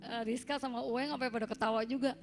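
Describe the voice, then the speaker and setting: A young woman with a slightly high voice tells a church congregation her own story in a chatty, animated way, playing out each back-and-forth she quotes. Soft music sits faintly behind her. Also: quick pace, vocal fry. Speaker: church member giving a testimony. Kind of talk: personal testimony to a congregation.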